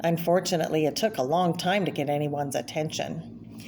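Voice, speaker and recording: A woman with a deep, slightly mellow voice reads a children's picture book aloud over slight background noise. Along the way, she adds casual explanatory asides, naming and commenting on the pictures.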